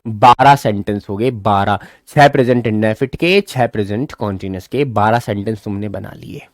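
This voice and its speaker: A man teaching English grammar in a live online class, talking fast, then slowing right down to spell out English example sentences. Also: lowish voice, dry recording, clean studio sound.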